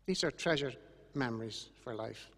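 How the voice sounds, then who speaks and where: Solemn Irish man, gravelly, grieving and grateful, echoing church. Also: medium pitch, normal speed, fairly bright tone. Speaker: eulogist speaking about his late brother. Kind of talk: funeral eulogy. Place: large church, over a microphone to congregation and webcam. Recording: echoey church with long reverb.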